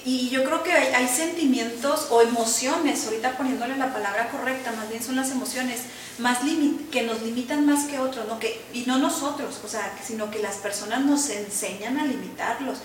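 A woman's voice: on the high side, moderate pace, a little hiss or hum. A young adult woman, hosting a conversation. She agrees often and asks follow-up questions. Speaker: interviewer host. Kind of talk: conversational interview. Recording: very echoey room, distant mic.

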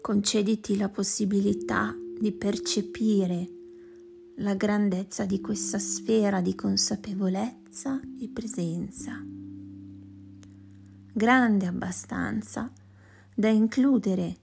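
A woman guides a meditation at a very unhurried pace, her soft voice often dropping into a whisper. Her tone carries a gravelly edge. Plucked guitar music plays clearly behind her. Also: medium pitch, fairly even intonation. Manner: slow, soft, partly whispered delivery.

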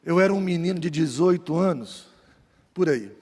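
Pastor, man, high voice, story sermon, echoing church hall. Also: normal speed. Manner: lively storyteller, swings from loud preaching to quiet asides.

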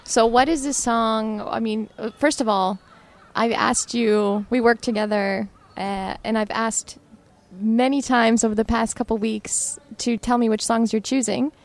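Podcast host: female, higher voice with noticeable vocal fry, informal delivery, some background noise. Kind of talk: casual chat.

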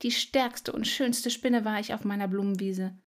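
A woman voicing a proud little female spider who pleads in a high, earnest voice in a children's audio story. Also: fairly even intonation, normal speed, lightly acted. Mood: pleading.

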